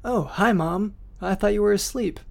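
A man voicing a tired, proud working husband in a weary, low-key way. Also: normal speed, creaky.

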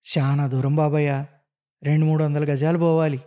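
A man's voice: on the high side, level tone, moderate pace, warm tone, lightly acted. A man voicing a worried, stern old village healer in a spoken story. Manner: pleading, anxious.

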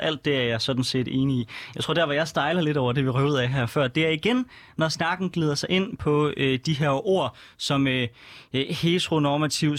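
A man speaking in a measured, hesitant way in a political panel debate, pausing on fillers. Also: medium pitch, a bit bright, no room sound. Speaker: right-leaning debater.

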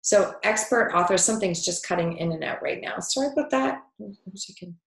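A woman hosting an interview over a video call, her audio cutting in and out on a faulty line as she speaks haltingly and apologizes. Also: medium pitch, gravelly, roomy sound, rough recording. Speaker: interview host.

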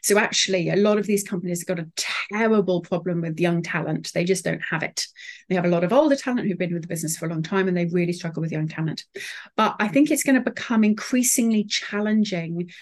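A woman's voice: on the low side, quick pace. A woman speaking as an interview guest, articulate, with frequent fillers and restarts. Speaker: sustainability consultant, guest. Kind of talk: interview conversation.

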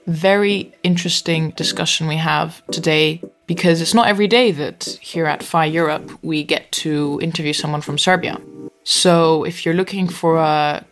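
Upbeat podcast host woman, gravelly voice. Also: sits low, fairly even intonation, moderate pace, faint music behind. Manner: upbeat, asks questions with restarts. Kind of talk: podcast interview.

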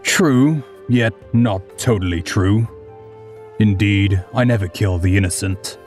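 A man voicing a gruff, easygoing old male swordsman in an audiobook, blunt and laughing. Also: on the low side, takes it slowly, a little mellow, soft background music. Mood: gruff easy. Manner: laughing, blunt, calls others boy. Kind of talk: audiobook character voice.

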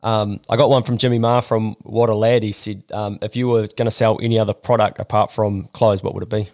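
A man's voice: fairly low pitch, flat delivery, brisk, darkish tone, no echo, clean studio sound. A man with a broad Kiwi accent hosting a podcast interview in casual, laid-back slang. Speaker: podcast host.

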